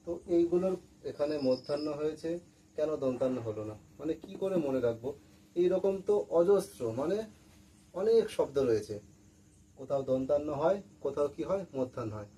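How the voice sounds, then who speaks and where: A man's voice: on the high side, animated, a little fast, mellow, low-quality recording. A man teaching a lesson to school students, patiently repeating words and asking questions he then answers himself. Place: room with a board. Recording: faint background noise.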